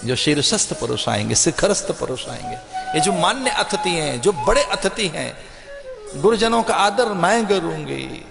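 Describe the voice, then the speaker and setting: A man's voice: on the high side, expressive, normal speed, creaky, over music. An Indian man, a spiritual teacher, giving a devotional storytelling sermon and voicing the characters' words.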